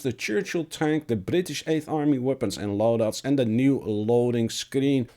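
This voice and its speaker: A man with a cracky, squeaky voice from being sick, reading game patch notes aloud with his own remarks, stumbling here and there. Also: dark tone. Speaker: gaming video creator.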